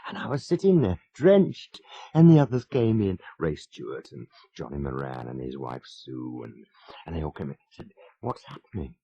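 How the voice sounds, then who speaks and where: With a very deep, creaky, dark voice, a man in his fifties delivers animated radio chat at a moderate pace, telling wry, self-mocking anecdotes and chuckling. The recording is dry and muffled, like an old radio broadcast.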